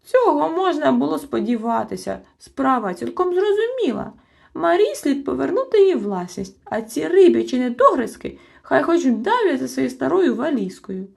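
A woman voicing an excitable old male rat-like creature from a storybook, shrill, loud and sentimental. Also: normal speed, gravelly, hardly any pauses, heavily acted. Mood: triumphant.

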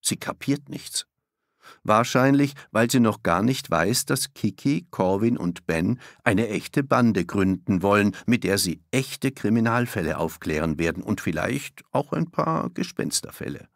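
A man narrating a children's audiobook in a playful, animated way. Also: lowish voice, a little slow, no echo, studio quality.

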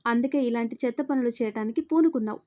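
A woman's voice: on the high side, fast, dull audio, lightly acted. A woman voicing an angry young man, a fierce protective hero in a spoken story, threatening and furious.

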